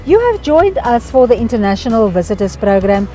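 A woman's voice: on the high side, sing-song, fairly quick, mellow, soft background music. A woman interviewing church visitors politely, repeating her questions.

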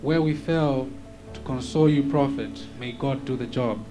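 Guy giving formal condolences, medium pitch, solemn, music clearly playing behind. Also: fairly even intonation, normal speed. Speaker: speaker offering condolences. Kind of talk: formal funeral tribute.

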